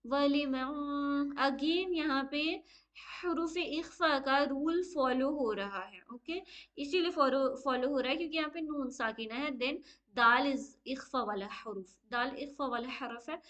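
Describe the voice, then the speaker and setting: High-voiced woman teaching recitation. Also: fairly bright tone. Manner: patient, explains step by step, often says okay; slow drawn-out chanted Arabic recitation. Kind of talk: online tajweed lesson.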